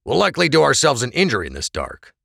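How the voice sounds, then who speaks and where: A man voicing a practical, level-headed male survivor in an audiobook, pitched a little higher than his narration. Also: wildly swooping pitch, fast, vocal fry, a bit bright, slightly rough, no echo, studio quality, heavily acted. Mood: urging.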